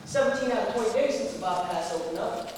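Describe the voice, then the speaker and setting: An actor playing a genial older small-town motel and gas station owner who talks in a jovial, folksy way on a theatre stage. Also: male voice, sits high, expressive, fast talker. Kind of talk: stage play performance. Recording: echoey hall from far off, audible background noise.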